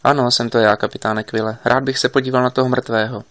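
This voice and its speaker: A man's voice: mid-range voice, little pitch movement, a bit bright, no echo, natural voice. A man reading an audiobook, voicing an insistent investigator giving urgent instructions over a line.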